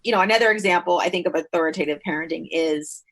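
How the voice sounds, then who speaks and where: Podcast host, middle-aged woman, lowish voice, chatty and easygoing, laughs often. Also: quick pace, a bit bright, a little hiss or hum. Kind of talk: casual conversational podcast.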